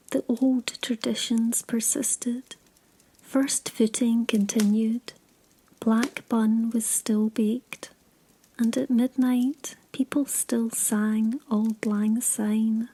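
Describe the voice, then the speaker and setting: Sleep story narrator: woman, breathy whisper, soft and dark in tone, soothing, slow scripted read. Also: on the high side, slight background noise, low-quality recording.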